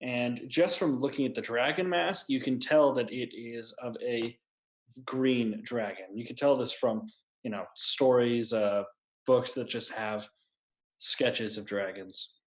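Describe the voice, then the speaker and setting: A man narrating a tabletop game as its game master, his voice sitting at a middle pitch. He describes each scene with care and slows down over the details. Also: fairly even intonation.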